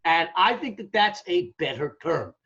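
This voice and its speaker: Very animated, with a pushed, bright and fairly high voice at normal speed, this American man is a demographer being interviewed as an academic. He explains emphatically and didactically, checking in often and asking rhetorical questions. The audio is dull and lo-fi.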